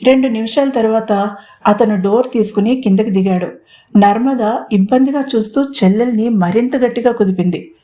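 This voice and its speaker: A woman narrating an audio romance story in an expressive storytelling manner. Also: a little high, normal speed. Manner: expressive storytelling, mixing in English words.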